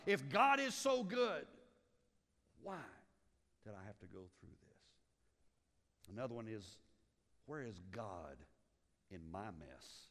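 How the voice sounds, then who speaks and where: Preaching pastor, loud then hushed. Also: male voice. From Liberia. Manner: dramatic swings from loud urgent to hushed low. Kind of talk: sermon. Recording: long hall reverb.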